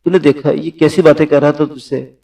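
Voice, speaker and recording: A man voicing a scheming, sharp-tongued woman in a spoken story. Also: fairly high pitch, steady tone, vocal fry, distant mic, low-quality recording. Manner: taunting, provocative.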